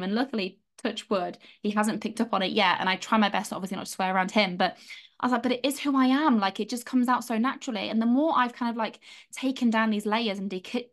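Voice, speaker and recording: Candid, emphatic young woman podcaster. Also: medium pitch. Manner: candid, emphatic, swears freely. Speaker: podcast host. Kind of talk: solo podcast monologue.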